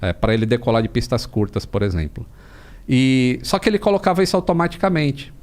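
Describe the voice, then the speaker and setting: A Brazilian man as a podcast guest, telling stories in a casual, animated way, with plenty of slang and swearing. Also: mid-range voice, brisk. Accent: Brazilian Portuguese. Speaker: podcast guest, aviation creator. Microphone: studio podcast mic.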